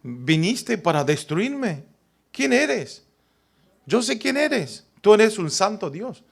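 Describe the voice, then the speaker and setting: Male pastor doing a frightened, defiant demon voice for a sermon retelling; high, stretched-out cries. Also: sing-song, takes it slowly, gravelly, breathy edge, full character voice. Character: frightened, defiant unclean spirit shouting at Jesus.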